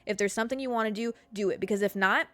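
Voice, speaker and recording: Racing along in a mid-range, fairly bright voice, a woman in her mid-twenties hosts a podcast and delivers a blunt, profanity-laced pep talk, calling listeners babe and girl. It's a casual motivational monologue with no echo and faint music behind her.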